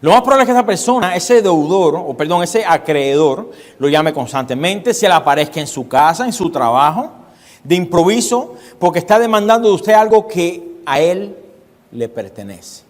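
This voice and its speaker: A man's voice: sits high, big pitch swings, normal speed, long reverb tail. A male pastor preaching a sermon, emphatic, repeating phrases for stress and firing rhetorical questions at his congregation.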